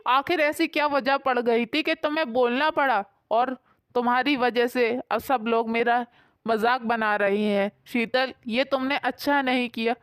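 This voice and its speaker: A woman's voice: fairly high pitch, steady tone, unhurried, clear, resonant tone, no room sound, clean studio sound, natural voice. A woman voicing an irritable young husband who scolds his wife in firm, stern lines. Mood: scolding. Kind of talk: storybook voice acting.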